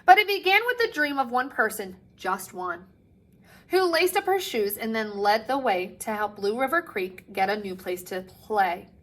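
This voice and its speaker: Lady teacher reading a kids book out loud, highish bright voice, super expressive, draws out line endings. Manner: animated, dramatic pauses, drawn-out phrase endings. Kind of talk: expressive picture-book read-aloud for children.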